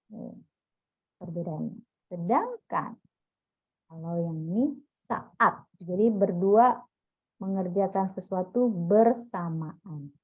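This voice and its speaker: A woman's voice: fairly low pitch, lo-fi sound. A woman teacher giving a classroom lecture, explaining step by step and quizzing her listeners with questions as she goes.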